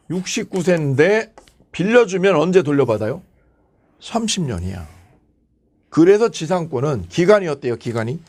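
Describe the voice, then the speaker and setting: A man's voice: fairly high pitch, a little mellow, slightly rough. A man teaching a law exam prep lecture. He asks himself questions, answers them, and repeats the key numbers.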